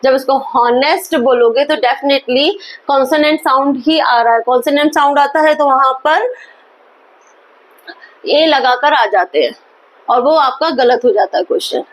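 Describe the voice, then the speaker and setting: A woman teaching an English grammar lesson in Hindi, asking questions and answering them herself and reading example sentences slowly. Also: high voice. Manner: slow, spelled-out example sentences.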